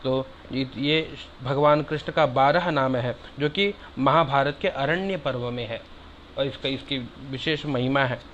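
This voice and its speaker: A man's voice: medium pitch, muffled recording, a little hiss or hum. A man giving a devotional discourse, explaining sacred verses in plain speech and calling his listeners brother. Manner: chants Sanskrit verses slowly and loudly between plain explanation; addresses listeners warmly as brother. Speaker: religious teacher.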